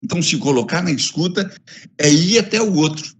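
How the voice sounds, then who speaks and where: This is a fairly high, husky male voice with a Brazilian Portuguese accent, moving briskly. He's lecturing academically on a video call from his phone, expressive and emphatic, stacking ideas in repeated lists.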